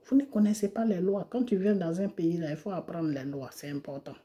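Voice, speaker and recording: A video creator from Côte d'Ivoire, this woman has a mellow, fairly low voice and talks a little fast. She addresses the camera in an indignant monologue full of pointed rhetorical questions, picked up by a phone or camera mic.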